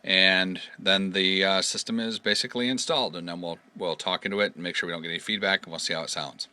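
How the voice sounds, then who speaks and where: Talking fast in a deep, steady, sharp-toned voice, this man presents a casual instructional product video. He explains each step conversationally, keeping things hands-on.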